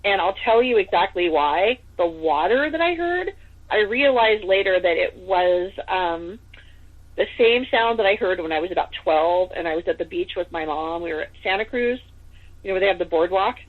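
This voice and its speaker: A woman's voice: lowish voice, animated, moderate pace. A woman from Northern California telling a personal story as a podcast guest, in a casual chatty way full of fillers. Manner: chatty, full of "like" and "you know". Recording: tinny phone-like line.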